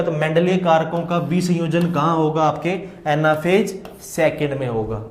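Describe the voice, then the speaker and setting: A man's voice: fairly high pitch, darkish tone, roomy sound. A man teaching an exam-prep lesson, explaining step by step and asking and answering his own questions.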